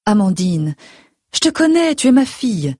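A woman voicing a worried middle-aged mother who fires off anxious, pleading questions in a breathy voice. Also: medium pitch, sing-song, darkish tone, no room sound, studio quality. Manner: rapid stream of anxious questions.

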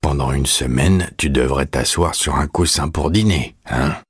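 A man voicing a bitter, guarded old former officer in a storybook reading, speaking in measured, cold threats. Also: very deep voice, husky, dry recording, clean studio sound, exaggerated voice. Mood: threatening. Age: older.

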